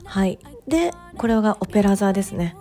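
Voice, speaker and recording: A woman narrating her vlog in a relaxed voice-over, chatty and gently enthusiastic, with soft fillers. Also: mid-range voice, brisk, over music. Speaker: bookstore owner vlogger.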